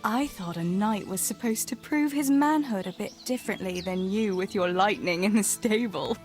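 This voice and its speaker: A woman's voice: mid-range voice, normal speed, faint music behind, lightly acted. [name], a woman as a teasing young village sweetheart. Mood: mock-courtly teasing. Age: young adult.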